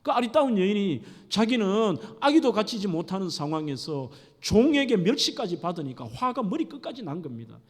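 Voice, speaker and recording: A man's voice: high-pitched, big pitch swings, a little fast, few pauses. A middle-aged male pastor preaching a sermon with dramatic storytelling, acting out scenes. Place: church sanctuary. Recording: echoey church hall.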